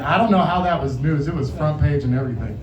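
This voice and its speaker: A man with a high voice performs amateur stand-up at an open mic. He rambles casually through his stories with plenty of swearing and chuckles at his own material. The sound is muffled and echoey, picked up from a distance. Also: fast talker, crowd noise. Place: open mic venue with echo.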